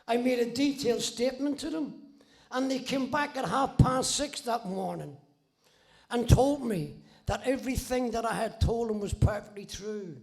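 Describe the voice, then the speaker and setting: Gravelly high-voiced Northern Irish man. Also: animated, normal speed, darkish tone. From Belfast, Northern Ireland. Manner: blunt, salty, swears freely, wry. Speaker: speaker telling his own story. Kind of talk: casual spoken storytelling.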